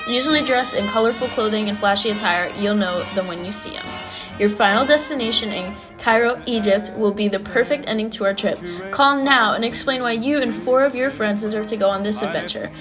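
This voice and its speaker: A woman's voice: a little high, fairly quick, music in the background, lightly acted. A woman playing a peppy, evasive female tour promoter hosting a salesy radio promotion. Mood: salesy, flustered. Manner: salesy, covering up awkwardness.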